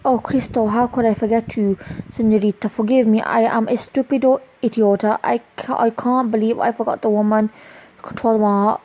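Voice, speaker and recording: A man's voice: high voice, fairly even intonation, a little fast. A woman voicing a lovestruck young man who turns into a wolf, tender and pleading, in a dull lo-fi recording. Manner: tender, pleading, sprinkled with Spanish endearments.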